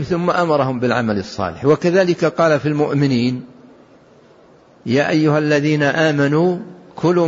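An older man, an Islamic scholar, giving a slow and measured religious lesson, explaining a hadith with deliberate repetitions. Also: mid-range voice. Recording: dull lo-fi recording.

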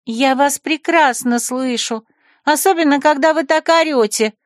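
A woman putting on a squeaky, whiny young secretary. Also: unhurried, no room sound, clean studio sound. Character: spoiled tearful young female secretary.

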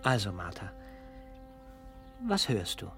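A patient, gentle music teacher. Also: female voice, very deep voice, very animated, slow, exaggerated voice. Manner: gentle and probing. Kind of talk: radio drama acting.

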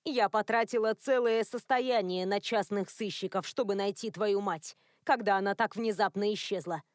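A woman voicing a prim, controlling elderly woman who is a werewolf grandmother, lecturing in a cold, even tone. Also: mid-range voice, moderate pace, no echo, studio quality, lightly acted. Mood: stern.

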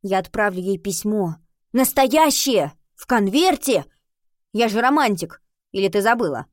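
A woman's voice: mid-range voice, lively intonation, a little slow, no echo, studio quality, lightly acted. A woman voicing an earnest lovesick schoolboy who fancies himself a romantic poet and recites verse pompously, in an audiobook. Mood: indignant. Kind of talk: audiobook reading.

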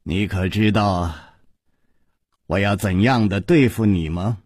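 A man's voice: darkish tone, husky, dry recording, studio quality. A man voicing a cold, menacing sect mistress. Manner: low, slow, menacing delivery. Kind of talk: traditional storytelling broadcast.

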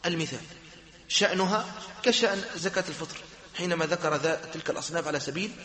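A man's voice: on the high side, fast, bright, forceful tone. A man teaching a jurisprudence class, often asking his students questions and answering them himself. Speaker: sheikh teaching Islamic jurisprudence. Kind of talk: lecture to a class. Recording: echoey hall with long reverb.

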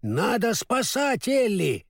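Man doing a fretful high scarecrow. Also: wildly swooping pitch, slow pace, creaky, no room sound, studio quality, exaggerated voice. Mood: alarmed. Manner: fretful, alarmed. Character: anxious kindly straw scarecrow man.

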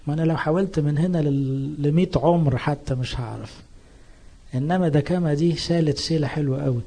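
A man preaching a sermon in an Egyptian accent, his voice mellow and soft-edged. He is a priest speaking earnestly and with emphasis, lifting his voice whenever he quotes scripture. The grain of his tone has a husky, breathy texture. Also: mid-range voice. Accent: Egyptian Arabic.

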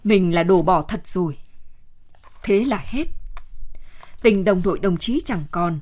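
A woman voicing an exhausted, feverish young male soldier in an audiobook, murmuring low and quiet. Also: animated, slow pace. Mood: despairing.

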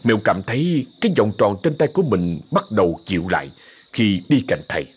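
Husky male ghost-story narrator. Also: lowish voice, a little fast. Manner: expressive, vivid storytelling.

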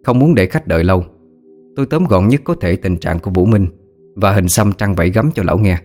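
Low-voiced male storyteller. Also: fairly quick, darkish tone, soft background music. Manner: vivid, descriptive storytelling. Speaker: narrator. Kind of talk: first-person story narration.

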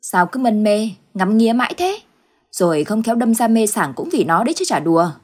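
Woman reading as a brisk, scolding old village wife; husky voice. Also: medium pitch, big pitch swings, darkish tone, voice pushed up. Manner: scolding, dismissive.

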